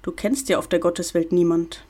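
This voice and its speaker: A woman's voice: lowish voice, fairly even intonation, brisk, dark tone, natural voice. A woman voicing a brusque, protective older woman who speaks bluntly and crossly. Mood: astonished.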